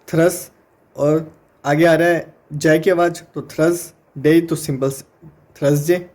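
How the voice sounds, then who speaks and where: A man with an Indian accent teaching an exam-prep phonetics lesson, explaining step by step and sounding words out slowly. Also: on the high side, darkish tone.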